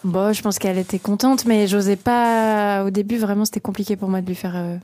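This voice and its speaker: A young woman from around Paris, a singer-songwriter, responds fairly quickly in a radio interview, though hesitantly, with frequent fillers and restarts. Her mid-range voice is steady and dark-toned.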